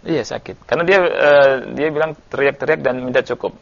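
A man's voice: medium pitch, steady tone, a little fast, creaky. A man, a religious teacher, giving a conversational study lesson and answering questions. He tells stories and often uses tag questions and fillers. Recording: dull lo-fi recording.

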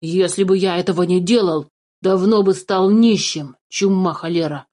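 A fussy old storybook dwarf with a gray beard, put on by a woman reading aloud. He is greedy and excitable, forever cursing and flaring up. The voice sits a touch low and mellow. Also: normal speed, natural voice. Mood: indignant.

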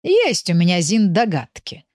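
A woman's voice: on the low side, wildly swooping pitch, a little slow, a little mellow, dry recording, studio quality. A woman reading an audiobook, voicing a good-natured, folksy village man who is a curious neighbour. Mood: jovial. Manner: jovial, folksy. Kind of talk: audiobook character voice.

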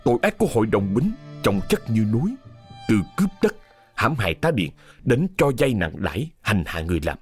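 A man tells a ghost story in a lower voice, dramatic and expressive, with lively swings in pitch. Soft music runs underneath the narration. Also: a little fast. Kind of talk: scripted horror story narration.

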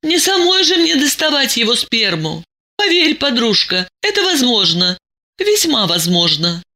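A woman's voice: fairly high pitch, big pitch swings, bright, forceful tone, voice pushed up, exaggerated voice. A woman reading an audiobook, voicing a stern, weary female investigator who speaks firmly and coldly. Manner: firm, cold, measured.

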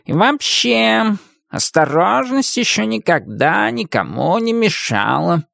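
A woman voicing a world-weary, ironic male cat in an audiobook, talking slowly and dryly. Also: mid-range voice, big pitch swings, creaky, fairly bright tone, no room sound, studio quality, voice pushed up, heavily acted. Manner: slow, drawling and dryly ironic.

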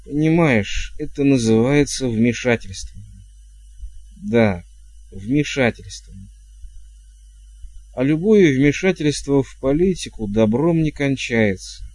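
A blunt, wary old witch who dodges with curt answers, as a man reads her. The voice is dark and mellow. It is recorded close and dry. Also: mid-range voice, expressive, slow pace, long pauses, no room sound. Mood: evasive. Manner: curt, evasive replies.

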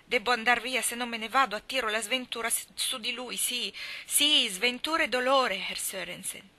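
A woman reading aloud voices a desperate young woman who bursts out in high, loud, pleading cries. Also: moderate pace.

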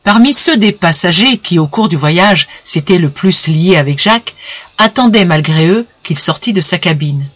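A reader narrating a classic short story in a measured, expressive way. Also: medium pitch. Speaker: audiobook reader. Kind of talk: literary narration.

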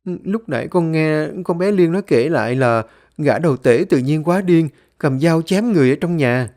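A worried young village woman, as a male reader puts her on, her voice pitched up and pleading. She talks in quick, anxious questions with a lively rise and fall. It sounds like a read-aloud horror tale. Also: natural voice. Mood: urgent.

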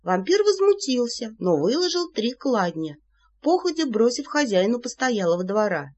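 A woman narrating an audiobook in a playful, animated manner. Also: medium pitch, normal speed. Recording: slightly muffled recording.

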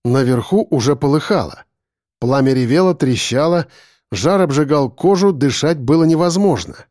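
A man's voice: on the high side, normal speed, no echo, clean studio sound. Man reading a tense story aloud. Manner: expressive, dramatic reading. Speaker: audiobook narrator. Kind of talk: first-person audiobook narration.

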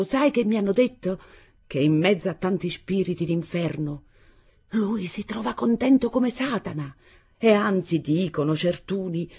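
A woman putting on a superstitious middle-aged mother, lamenting and scolding in a raised, sing-song voice. Her tone is husky and pitched above the reader's own. She sounds like a character in a storybook reading. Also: dark tone. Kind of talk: audiobook reading.

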